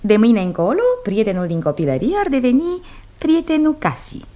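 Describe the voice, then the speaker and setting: A chatty coquettish city wife. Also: female voice, a little high, big pitch swings, dark tone. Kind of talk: 1970s radio comedy acting.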